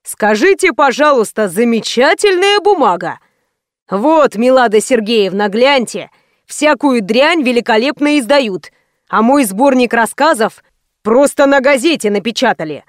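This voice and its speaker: A woman's voice: on the high side, animated, a little slow, no room sound, studio quality. A woman reading aloud and voicing a pompous, scornful middle-aged male writer with a huffy, condescending manner. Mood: indignant.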